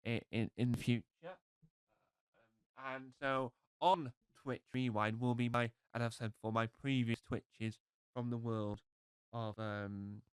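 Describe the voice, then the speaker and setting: A man's voice: medium pitch, fairly even intonation, slow pace, clear, resonant tone, dry recording, clean studio sound. A man chatting casually on a live stream, rambling and joking, breaking off his own sentences. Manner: chatty, self-interrupting, jokey.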